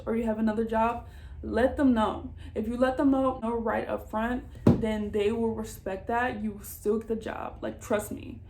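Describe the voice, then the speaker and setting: A young Southern American woman vlogs job advice to camera in a casual, informal, reassuring chat. Her voice is on the high side and a little mellow.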